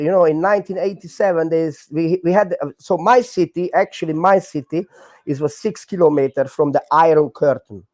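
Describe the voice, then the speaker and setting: A man's voice: mid-range voice, darkish tone, no room sound. Hungarian man in his forties, dry sound. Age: 40s. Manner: halting, many fillers, non-native grammar. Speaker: guest, breakdancer. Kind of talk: casual interview storytelling.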